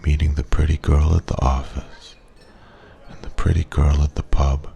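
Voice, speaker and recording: A man playing a wise, regretful old man at a pub, a soft-spoken old sage giving slow, gentle advice in an ASMR ASMR role-play. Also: a bass voice, flat delivery, gravelly. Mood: wistful, regretful. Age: older.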